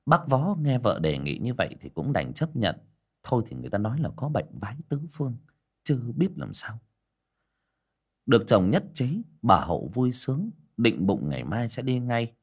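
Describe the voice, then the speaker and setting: A man narrating a village ghost story in an expressive, dramatic style. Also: mid-range voice, normal speed, husky. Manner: expressive, swooping delivery.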